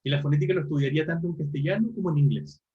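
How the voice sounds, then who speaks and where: A man's voice: on the high side, rapid-fire, lo-fi sound. A man giving an online university linguistics lecture, explaining step by step with frequent tag questions and self-corrections.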